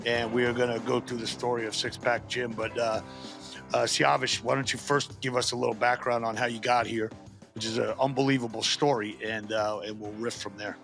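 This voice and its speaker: A man hosting an interview podcast, introducing his guest in a relaxed, conversational way. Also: mid-range voice, a little fast. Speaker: podcast host. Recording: music playing behind the voice. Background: music.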